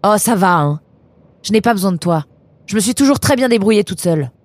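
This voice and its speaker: A woman's voice: low-pitched, lively intonation, moderate pace, mellow, husky, no echo, full character voice. A woman voicing a prickly, proud young woman traveler in a storybook reading, speaking in a snappish, impatient way.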